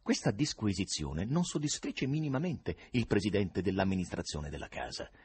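A man reading an audiobook aloud, with an expressive, varied delivery. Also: lowish voice, normal speed, husky. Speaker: audiobook reader. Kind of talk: dramatic audiobook narration.

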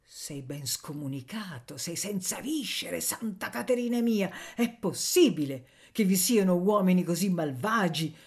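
A woman's voice: fairly low pitch, big pitch swings, moderate pace, few pauses, a little mellow. A woman reading a novel aloud, voicing a kindly, motherly village woman who talks tenderly and half jokingly scolds. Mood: mock-scolding.

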